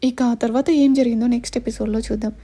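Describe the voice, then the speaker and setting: A woman tells a serialized drama story in a steady, dramatic reading. Her voice is somewhat high and soft, mellow rather than bright. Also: quick pace. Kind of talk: scripted story narration.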